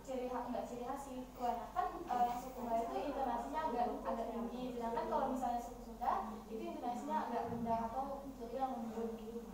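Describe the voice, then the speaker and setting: A woman's voice: a little high, steady tone, fast, crowd noise. A young woman student explaining her research to a supervisor, hesitant and polite, with many fillers. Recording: very echoey, distant and noisy room recording.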